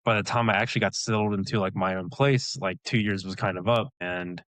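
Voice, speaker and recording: A man's voice: fairly low pitch, steady tone, fairly quick, fairly bright tone, no room sound. A man being interviewed, telling his story in a loose, casual way with many fillers and frequent laughs. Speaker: guest, elite runner.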